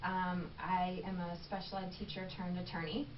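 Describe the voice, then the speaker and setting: As a guest on a podcast, a woman chats casually and candidly, filling her talk with plenty of ums in a conversational interview. Her voice sits on the low side with little pitch movement, and she speaks at a normal speed. The recording comes from an echoey room through a distant mic, sounding dull with faint noise.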